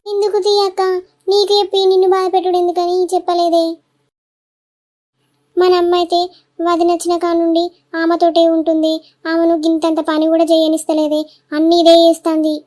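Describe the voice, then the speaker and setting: Figure: aggrieved younger sister in a cartoon, voiced by a woman. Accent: Telangana Telugu. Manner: complaining. Pitch: very high and flat. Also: fairly quick, long pauses. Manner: complaining, tattling.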